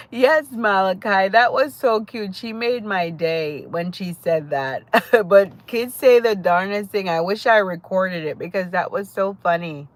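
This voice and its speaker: A chatty adult Jamaican woman hosts a live stream, speaking a little slowly in a mid-range voice. Her casual talk with viewers includes greeting them by name and laughing often.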